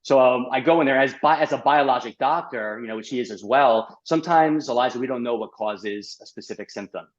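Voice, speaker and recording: Middle-aged man, doctor guest, animated storytelling, mid-pitched, lo-fi sound. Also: a little fast, few pauses. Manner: animated, uses many fillers and "like". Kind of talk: podcast interview storytelling.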